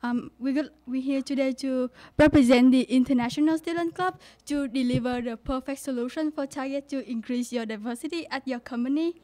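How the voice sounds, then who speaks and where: A woman's voice: high voice, brisk, hardly any pauses, dark tone. A young woman from Vietnam, a university junior presenting a case study, careful and hesitant with fillers. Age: young adult. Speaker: student presenter.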